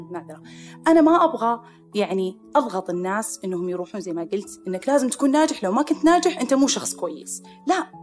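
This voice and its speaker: A woman with a Saudi Arabic accent, a psychiatrist hosting a podcast, talking in an animated way and acting out the people she quotes. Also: mid-range voice, fast. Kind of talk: podcast monologue. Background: soft music.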